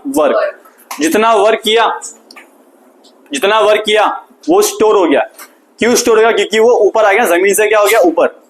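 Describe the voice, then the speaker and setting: A man, teaching a physics lesson through an animated story and repeated questions to the class. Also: sits high, low-quality recording.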